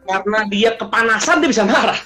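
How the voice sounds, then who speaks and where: A man who coaches emotional intelligence, explaining in an animated, conversational way and mixing English phrases into his speech. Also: high-pitched, fast, music in the background. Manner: lively storyteller, mixes English phrases into speech.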